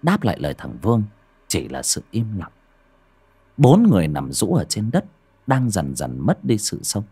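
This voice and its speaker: A man's voice: on the low side, wildly swooping pitch, normal speed, mellow, breathy edge. A man narrating an audiobook story in a dramatic manner. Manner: dramatic, varied delivery.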